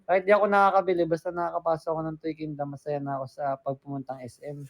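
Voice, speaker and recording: A man's voice: a little high, level tone, rapid-fire. A young man from the Philippines hosting a casual live stream, telling a story with acted-out quotes, dropping English words in and laughing often.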